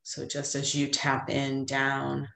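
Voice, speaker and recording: Calm lady doing a slow grounding meditation, soothing, creaky voice, roomy echoey video call sound. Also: extremely low pitch. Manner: calm, soothing, unhurried with long pauses. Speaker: meditation guide. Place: indoor room with plain wall, on a video call.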